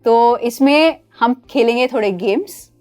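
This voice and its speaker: A woman's voice: on the high side, measured pace, darkish tone, faint music behind. Woman host mixing Hindi and English. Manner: friendly, mixes English phrases into Hindi. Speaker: show host. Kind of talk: casual Hindi-English show hosting.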